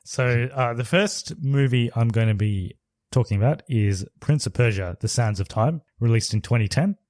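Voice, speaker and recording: Co-hosting a laid-back movie review podcast, this man talks in a medium-pitched, darkish voice at normal speed. He rambles and hedges, breaking into frequent laughs. The sound is dry and studio quality.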